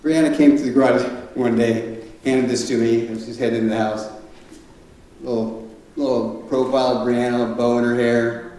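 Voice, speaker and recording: A man's voice: medium pitch, flat delivery, mellow. A middle-aged man giving a father of the bride wedding speech in a folksy, conversational, joking and sentimental way. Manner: folksy, conversational, joking delivery with halting asides. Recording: very echoey room, distant mic, noisy.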